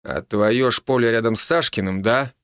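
A man's voice: medium pitch, normal speed, a bit bright, clean tone, no room sound, close to an everyday voice. A man voicing a shrewd, teasing village police major who speaks in a dry, knowing, matter-of-fact way. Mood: wry.

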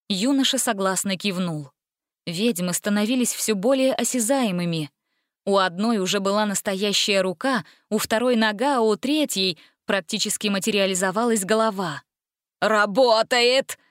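A woman narrating a fairy-tale audiobook in an expressive, steady reading style. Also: mid-range voice, moderate pace, no echo, studio quality. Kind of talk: storybook narration.

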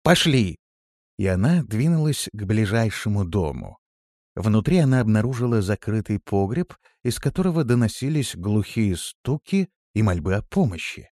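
A man narrating an audiobook in a measured, expressive reading style. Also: on the low side, dry recording, clean studio sound. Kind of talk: scripted narration.

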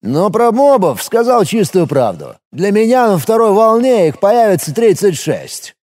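A man's voice: sits high, very animated, measured pace, a little mellow, pitched above the performer's own voice. A man voicing a nasal, boastful thug who brags and cackles in an audiobook. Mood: cheeky. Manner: cackling, bragging, cheeky. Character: nasal boastful male thug trader, giggly. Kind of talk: audiobook character voice.

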